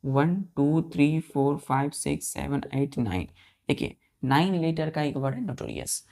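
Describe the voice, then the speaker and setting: A woman teacher leads a vocabulary lesson, spelling each word letter by letter and counting the letters aloud. Her voice sits low and has a gravelly, creaky edge. She keeps asking her students questions as she goes. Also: a little slow, mellow. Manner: asks the class repeated questions.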